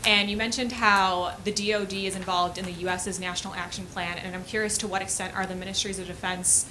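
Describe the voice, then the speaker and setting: Brief: fast-talking young woman student, composed, clear room noise behind. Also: mid-range voice, steady tone, bright, forceful tone, rough recording. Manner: quick, composed. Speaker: graduate student asking a question. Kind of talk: audience question at a panel.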